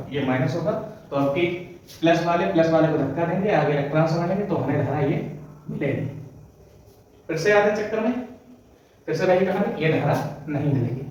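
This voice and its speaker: A male physics teacher explaining at the board step by step, asking and answering his own questions, slowing down to dictate exam answers. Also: fairly high pitch, a little mellow. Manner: slows to dictate notes. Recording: echoey room from far off, dull sound.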